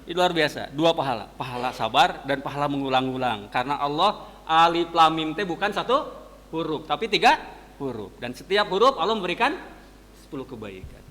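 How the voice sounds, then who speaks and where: A man with a Sundanese accent preaching a dawn sermon to students, telling lively everyday stories. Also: on the high side, in a large hall. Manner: animated storytelling, mixing casual asides and quick sound words. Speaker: religious teacher. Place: mosque hall.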